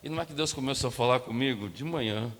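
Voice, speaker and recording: A man's voice: mid-range voice, fast, a bit bright. A male pastor with a Brazilian Portuguese accent telling a story in a sermon, acting out the dialogue and turning often to speak to the congregation. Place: church sanctuary. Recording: long hall reverb from a church sanctuary.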